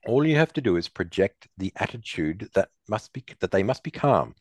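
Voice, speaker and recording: A man voicing a calm, commanding young telepathic heroine in a steady, raised voice. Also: fairly low pitch, moderate pace, no room sound. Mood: firm.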